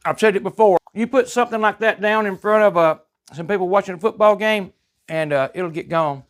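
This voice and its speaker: High-voiced Southern US man, folksy and chatty. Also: fairly quick. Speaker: home cooking vlog host. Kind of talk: casual cooking demonstration.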